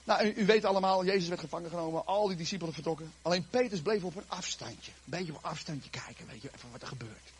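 A man preaching a sermon to his congregation, retelling a Bible story in a lively, joking way with a raspy voice. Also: a little high, quick pace, few pauses, slight background noise.

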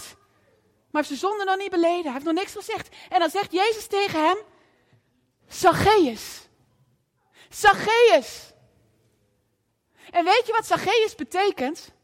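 A woman preacher delivering a lively storytelling sermon in a church, often asking the audience questions. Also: very high voice, long reverb tail.

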